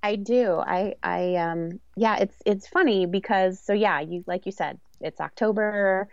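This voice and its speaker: A woman's voice: mid-range voice, a little slow, no echo, muffled recording. A woman chatting casually as a podcast guest, self-deprecating and giggly in manner. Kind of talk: casual chat.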